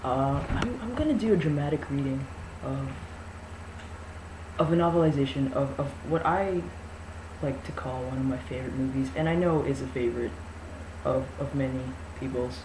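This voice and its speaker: A narrator with a medium-pitched voice and moderate pace gives a mock-dramatic amateur reading of a novel, opening with some casual introductory talk. The recording is in an echoey room with faint noise.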